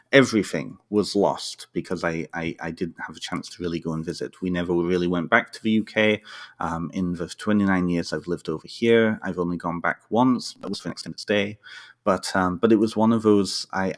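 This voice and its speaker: A man with a very low voice, from North Wales, answering interview questions from his home. His delivery is thoughtful and unhurried, full of small restarts and fillers as he works toward each point. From North Wales, United Kingdom. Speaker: podcast guest, therapist and author. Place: home, dog barking at times.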